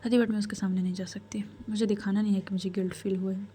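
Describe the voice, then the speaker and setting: A proud young woman of twenty-two, hushed and tearful, pleading in half-whispered lines, as a woman reads her in a story. The voice is mellow and low-key. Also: flat delivery, quick pace, natural voice. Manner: pleading, hushed, repeating "dadi".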